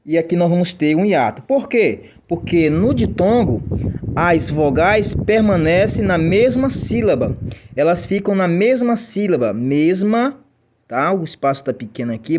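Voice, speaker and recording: Lively Brazilian male teacher. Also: high-pitched, measured pace. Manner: chatty, keeps checking in with "tá?"; voices imagined student questions. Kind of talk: classroom grammar lesson.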